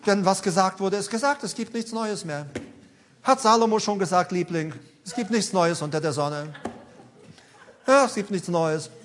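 A man in his sixties with a notably high voice delivers a sermon. He talks to the congregation as if chatting, then builds to emphatic, insistent peaks. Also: moderate pace, a little hiss or hum. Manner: conversational preaching, addresses listeners directly, rising emphasis. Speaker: preacher.

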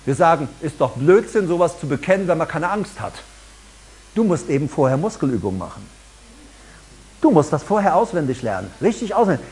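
A middle-aged man preaching a sermon as pastor, emphatic and lively, rising and dropping for effect. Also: on the high side, brisk, breathy edge.

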